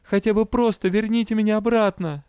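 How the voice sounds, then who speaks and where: A man's voice: high voice, steady tone, a little fast, warm tone, clean tone, dry recording, pitched above the performer's own voice, natural voice. A man voicing a frightened young woman, a magic student, who pleads while close to tears. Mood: pleading.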